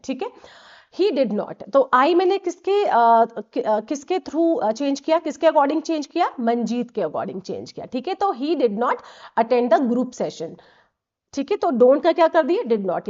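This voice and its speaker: A woman's voice: on the high side, darkish tone. Woman teaching grammar, dull lo-fi sound. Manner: patient, repeats checks like "right?"; mixes Hindi with English terms. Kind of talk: explanatory lesson. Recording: dull lo-fi recording.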